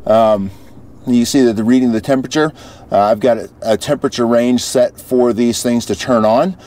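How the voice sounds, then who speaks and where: A man's voice: medium pitch, steady tone, moderate pace, darkish tone. A man giving a casual, matter-of-fact walkthrough as an RV vlog host.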